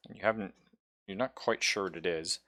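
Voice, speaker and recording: A deep-voiced man with a sharp tone narrates off the cuff as game master for a horror tabletop RPG, telling the story haltingly to build suspense.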